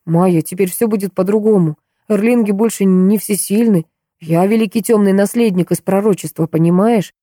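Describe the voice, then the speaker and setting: A woman's voice: medium pitch, moderate pace, dark tone, dry recording, studio quality, lightly acted. A woman reading an audiobook, voicing a fervent, unstable young man who talks with feverish insistence.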